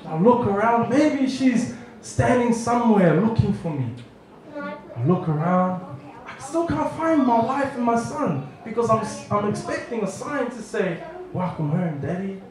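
A man in his thirties from New Zealand, preaching a storytelling sermon on a handheld mic, animated and acting out family dialogue. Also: high voice, a little slow, crowd noise. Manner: animated, acts out family dialogue with lively gestures. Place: church hall, small room. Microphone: handheld mic, far camera. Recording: echoey hall from far off.

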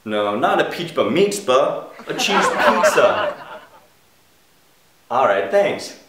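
A man's voice: medium pitch, sing-song, takes it slowly. A young man playing a breezy, oblivious roommate with exaggerated sitcom delivery. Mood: upbeat, clueless. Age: young adult. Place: living room and entryway of a house. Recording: roomy, echoing house with clear noise.

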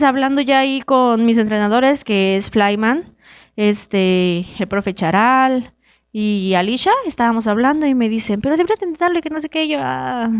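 Young woman telling her story, lively voice. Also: clear, resonant tone, no room sound, highs cut off. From Mexico. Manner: animated, acts out quoted dialogue with shifting pitch. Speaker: guest, wrestler. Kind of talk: casual interview storytelling.

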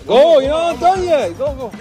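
High-pitched excitable man hosting a challenge. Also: normal speed. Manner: animated exclamations, profanity, frequent laughing. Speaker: challenge host filming strangers. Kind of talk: excited street challenge commentary. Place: outdoors in public parks. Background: music.

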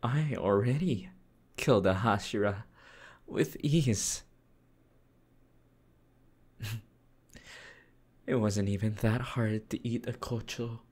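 Sly, cheerfully cruel demon lord, played by a man; whispered role-play, slow drawling pace, mocking sing-song delivery. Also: lowish voice, darkish tone, husky. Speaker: voice actor.

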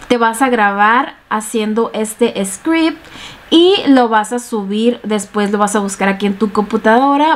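A young woman with a slightly high voice talks through a screen-share tutorial. She explains things step by step in a chatty way, full of fillers. The sound comes from a webcam mic in a small room at home. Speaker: online tutorial host.

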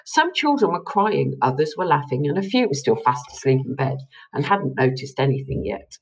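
A woman reading a children's book aloud to listeners with expressive storytelling. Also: sits low, normal speed, husky, rough recording.

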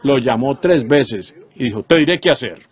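A man's voice: mid-range voice, expressive, moderate pace, breathy edge. A man preaching a sermon, retelling dreams earnestly and rising into emphatic exhortations.

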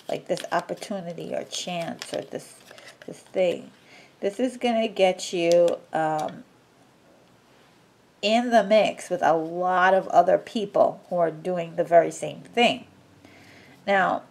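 A woman reads tarot cards in a relaxed, unscripted way, her speech slow and unhurried. Her voice sits somewhat low, and she fills pauses with ums and restarts her sentences as she goes. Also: creaky. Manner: slow, rambling, many fillers and restarts. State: sneezing from allergies. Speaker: tarot reader. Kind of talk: casual tarot reading.

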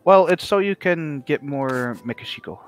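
A man's voice: a little high, lively intonation, moderate pace, slight background noise. A man chatting casually with other players during a multiplayer strategy game, thinking aloud and explaining the game's mechanics. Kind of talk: casual multiplayer gaming chat.

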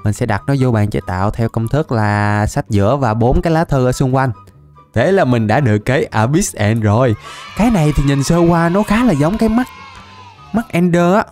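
A young man, chatting casually as he plays a game, laughing often and repeating words in quick bursts. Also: mid-range voice, darkish tone, soft background music. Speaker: gaming YouTuber. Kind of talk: casual Minecraft let's-play commentary.

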